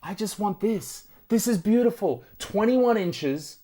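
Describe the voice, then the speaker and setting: An Australian man who hosts retro tech videos chats casually to his viewers, telling stories to camera in a conversational and sweary manner. His voice is high, expressive, and mellow, he speaks unhurriedly, and there is slight background noise.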